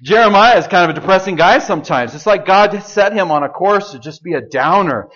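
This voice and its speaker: Male preacher, high-pitched, animated, joking with the congregation, slightly muffled recording. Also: brisk. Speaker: pastor. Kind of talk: sermon.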